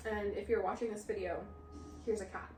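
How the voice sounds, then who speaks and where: A woman in her late twenties chats and teases on a casual podcast, and she giggles easily. Her voice sits at an everyday middle pitch. The room sounds echoey, and there is a faint background hiss. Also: fairly even intonation, fairly quick, darkish tone. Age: late 20s. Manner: chatty, giggly, teasing. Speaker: podcast co-host. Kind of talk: casual chat.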